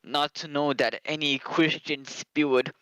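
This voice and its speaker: A man voicing the mournful ghost of a dead old miser, speaking slowly and gravely in an amateur dramatic reading. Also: a little high, flat delivery, fairly bright tone, dry recording, rough recording. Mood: lamenting. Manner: slow, grave, lamenting delivery.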